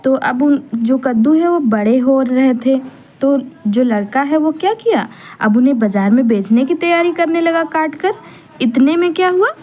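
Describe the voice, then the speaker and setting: A woman teacher retelling a folk tale for an exam-prep lesson, explaining slowly, asking questions and checking the students follow. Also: high voice, a little mellow, soft background music.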